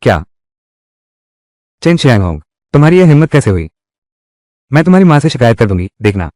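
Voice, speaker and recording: A man's voice: medium pitch, big pitch swings, a little fast, darkish tone, no echo, studio quality. A man dubbing all the roles of a drama, with heated, quarrelsome delivery.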